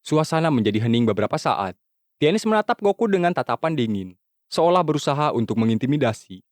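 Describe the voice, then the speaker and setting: A man narrating a story in a steady, expressive retelling, closing with a goodnight. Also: mid-range voice, fairly quick, dry recording, clean studio sound.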